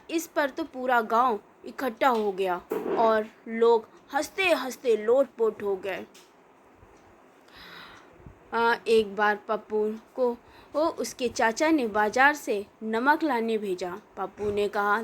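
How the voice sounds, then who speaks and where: A woman reading a comic children's story aloud in an unhurried way, with many hesitations. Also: on the high side, slight background noise.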